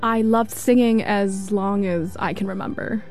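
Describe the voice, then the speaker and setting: A woman's voice: medium pitch, steady tone, a little slow, a little mellow, soft background music. A woman from South Korea, an opera singer, talking enthusiastically about her start.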